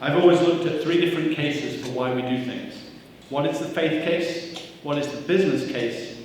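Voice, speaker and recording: A man with a slightly high voice speaks at a moderate pace over a faint hiss or hum, welcoming a breakfast event audience as CEO in a church hall. He's upbeat, cracks self-deprecating jokes and says "uh" a lot into a handheld mic. The hall is echoey and the microphone picks him up from a distance.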